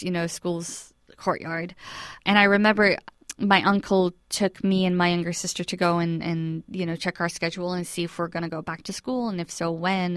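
A woman's voice: fairly low pitch, dry recording, studio quality. Earnest Iraqi woman telling her story. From Iraq. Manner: earnest, reflective, with many restarts and "you know". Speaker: interview guest, refugee. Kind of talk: personal storytelling in an interview.

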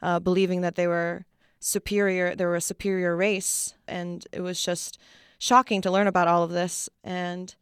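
A woman's voice: lowish voice, little pitch movement, normal speed, clean tone, dry recording, studio quality. A woman from Japan, a stage actor, speaking in a thoughtful, hesitant way with frequent fillers as an interview guest. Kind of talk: reflective interview talk.

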